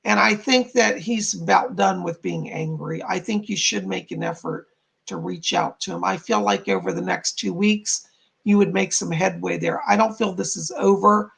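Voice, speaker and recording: A man with a hoarse, croaky frog voice, giving live spiritual readings to donors as a psychic medium. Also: high-pitched, steady tone, normal speed, a bit bright.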